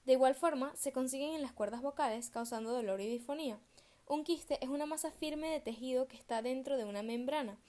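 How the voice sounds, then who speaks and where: A young woman reads her research presentation aloud, pronouncing each term with care. Her voice sits a little high, and the delivery is steady and studious. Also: a little fast. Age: young adult. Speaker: student presenter.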